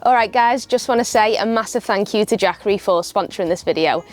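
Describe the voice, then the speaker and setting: A woman's voice: medium pitch, brisk, soft background music. A woman presenting to viewers as co-host of an online video. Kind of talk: YouTube presenting.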